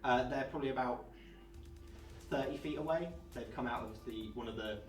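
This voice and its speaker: A man working as game master, narrating a tabletop game in a halting, explanatory way. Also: medium pitch, far from the mic. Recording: echoey room, off mic, faint music.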